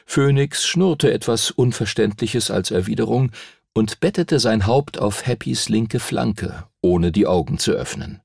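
A male narrator reads a children's fantasy story with lively, expressive phrasing. His voice has a gravelly edge, and the recording is close and dry. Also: lowish voice, unhurried, dry recording. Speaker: audiobook narrator. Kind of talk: scripted narration.

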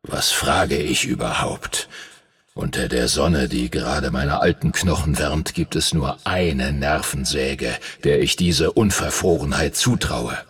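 A grouchy ancient dragon in a storybook reading. The voice growls from the very bottom of the range, rough and husky. He drags each word out wearily, sarcastic and put-upon. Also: a bit bright, exaggerated voice. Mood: grumbling. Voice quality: deep rumbling growl. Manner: grumbling, slow and weary. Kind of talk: audiobook character voice.

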